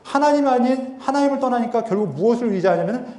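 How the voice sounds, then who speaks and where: High-voiced Korean man lecturing in an echoey hall. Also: lively intonation, quick pace, darkish tone. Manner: earnest, asks and answers his own rhetorical questions. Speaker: Bible seminar lecturer. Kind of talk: Bible lecture. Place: lecture hall at a theological university.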